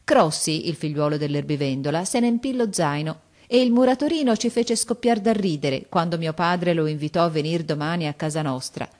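A woman narrating a classic children's novel in an expressive reading voice that lifts on names and exclamations. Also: sits low, fairly quick, few pauses. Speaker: audiobook reader.

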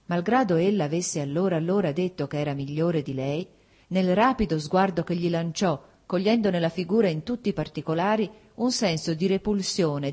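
A woman narrating a classic novel aloud in a measured, expressive reading. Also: deep voice, slightly rough. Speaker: audiobook narrator.

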